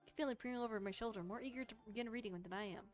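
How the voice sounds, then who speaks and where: A woman streams a visual novel, blending casual, rambling, playful let's-play chat with reading aloud. Her slightly high voice races along, the sound is lo-fi, and music plays behind her.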